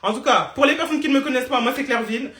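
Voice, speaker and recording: A woman's voice: high-pitched, very fast, fairly bright tone, slight background noise. Woman coach on a live stream, blunt and teasing, drops english phrases, roomy echo. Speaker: business coach for beauty entrepreneurs.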